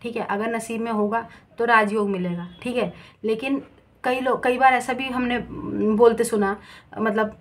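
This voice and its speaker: A woman tarot reader chatting casually, telling an animated story at home and mixing English words into her talk. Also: fairly high pitch, moderate pace. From Bengali family. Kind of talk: casual chat. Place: indoor room at home.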